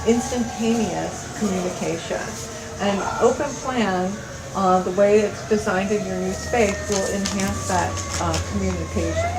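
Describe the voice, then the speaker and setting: A woman explaining a workspace design in a corporate video interview, with some fillers. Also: medium pitch. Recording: roomy, noisy background.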